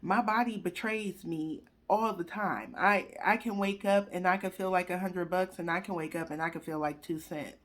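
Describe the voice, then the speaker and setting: A woman's voice: lowish voice, steady tone, moderate pace, few pauses. A young adult woman telling a personal story in a candid, emotional, conversational way, talking straight to her viewers.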